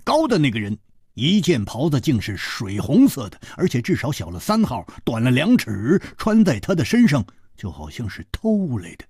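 Animated male storyteller. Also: moderate pace, slightly rough, no room sound, studio quality. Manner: highly animated, vivid delivery. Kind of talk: radio storytelling, martial arts tale.

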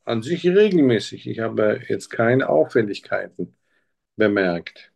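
Here the simulated patient in a doctor-patient practice role-play is a man with a lowish, gravelly voice that is a little mellow and breathy at the edges. He speaks at a measured pace with big swings in pitch, hesitating as he searches for words.

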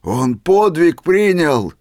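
A man's voice: medium pitch, huge pitch swings, unhurried, slightly rough, no echo, studio quality, exaggerated voice. A man voicing an ecstatic old man who cries out in rapture over a holy fool. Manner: exclaiming, shouting in rapture.

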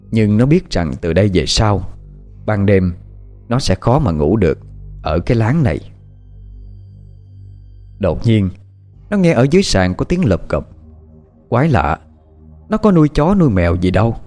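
A male horror storyteller with a low voice. He narrates in a lively, dramatic way, and his pitch moves freely up and down. Faint music plays underneath. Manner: expressive, dramatic pacing.

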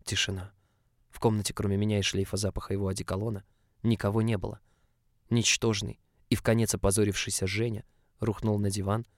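A man reading a story aloud as scripted narration in an even, measured way, close to the mic. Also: fairly low pitch, no room sound. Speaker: audiobook reader.

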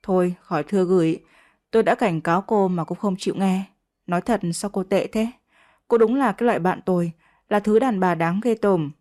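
A woman's voice: medium pitch, brisk, a little mellow, natural voice. A woman voicing a stern older mother-in-law who scolds with open contempt. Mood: scornful scolding.

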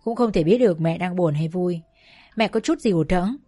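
A woman narrating a first-person family story in a soft, emotional way. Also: lowish voice, moderate pace.

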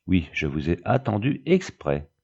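A man reading the part of a kind young woman, the elder sister, speaking calmly and reassuringly in a storybook reading. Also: deep voice, a little slow, gravelly, slightly rough, dull audio, full character voice.

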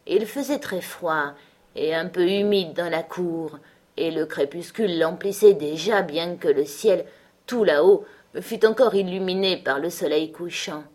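Lowish-voiced woman reading an audiobook. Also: measured pace, darkish tone. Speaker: audiobook reader. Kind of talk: scripted narration.

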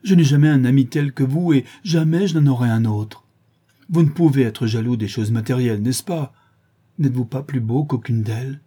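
An earnest, devoted painter, put on by a man who pleads urgently with his friend. The voice is dark and husky. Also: mid-range voice, normal speed, natural voice.

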